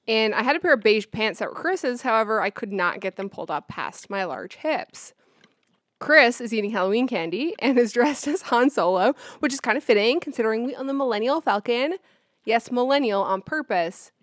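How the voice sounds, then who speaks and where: A woman co-hosting a podcast in casual chat, excitable, laughing often and swearing freely. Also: a little high, normal speed, no echo, clean studio sound. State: sweating in a costume. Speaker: podcast co-host.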